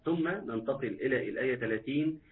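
A male recitation teacher with an Egyptian Arabic accent leads a live online class, patiently repeating material and quizzing viewers. His mid-pitched voice moves fast and sounds tinny, as if through a phone.

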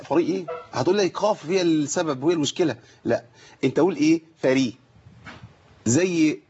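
A man with an Egyptian accent teaching Quran recitation on a broadcast lesson, explaining and slowly demonstrating verses with rhetorical questions. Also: a little high, a little mellow, slightly rough, dull audio.

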